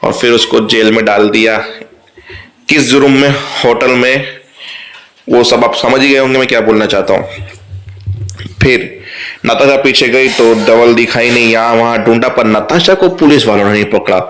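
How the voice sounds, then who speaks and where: A man's voice: medium pitch, normal speed, pauses often, fairly bright tone. A man casually retelling a TV serial episode, briefly voicing the characters' lines and adding light asides to viewers. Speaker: TV serial recap host.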